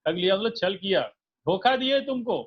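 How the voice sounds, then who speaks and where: A man voicing an angry male householder who shouts and stammers with rage. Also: high voice, fairly quick. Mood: furious. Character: angry male householder, stern then remorseful. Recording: dull lo-fi recording.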